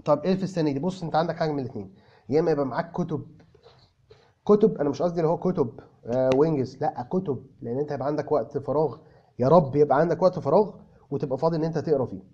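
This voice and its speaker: An Egyptian man talks fast and casually, answering viewers by name and mixing Arabic with English phrases. His voice sits high but sounds dark and mellow. The recording is dull and lo-fi, made in a car. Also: husky. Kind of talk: casual chat.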